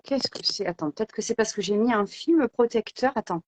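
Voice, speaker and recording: A woman's voice: fairly high pitch, lively intonation, brisk, dry recording. A woman guest, a face yoga teacher, chatting casually and hesitantly about a live-stream problem.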